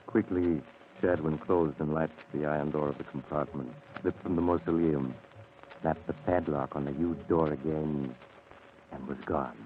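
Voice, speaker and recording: An actor playing the grave male narrator of a 1940s radio mystery drama, telling the story in measured tones on a tinny old broadcast with faint hiss. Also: very deep voice, fairly even intonation. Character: ominous male storyteller of eerie tales.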